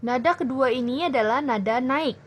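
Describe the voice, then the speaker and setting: A young woman tutoring children in a language lesson, explaining clearly and patiently. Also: high-pitched. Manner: slow, clear teacherly explaining. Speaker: Mandarin tutor.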